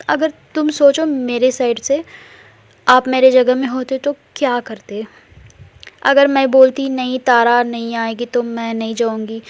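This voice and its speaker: A woman playing a remorseful young wife, apologetic and pleading, slightly high voice, casual audio story. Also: no room sound, lightly acted. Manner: pleading, apologetic, mixes English words. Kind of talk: casual retelling of a love story.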